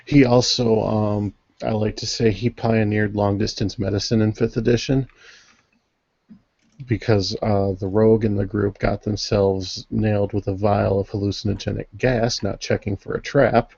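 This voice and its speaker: A man's voice: fairly low pitch, little pitch movement, moderate pace, gravelly, a little mellow, no echo. A man chatting casually with friends about a tabletop game, telling character stories with laughs. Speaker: tabletop player. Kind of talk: casual chat. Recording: dull lo-fi stream audio.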